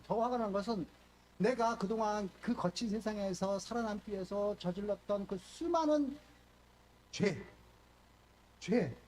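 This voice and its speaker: An older male pastor giving a sermon, telling stories with animated delivery and acting out quoted speech. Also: sits high. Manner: animated storytelling, voices quoted speech, fillers and restarts.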